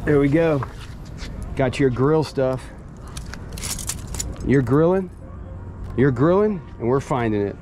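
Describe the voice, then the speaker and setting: An excited man narrating his magnet fishing outdoors at a waterfront, hyped and shouting catchphrases. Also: medium pitch, slow pace, pauses often, a little hiss or hum. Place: outdoor waterfront docks and park.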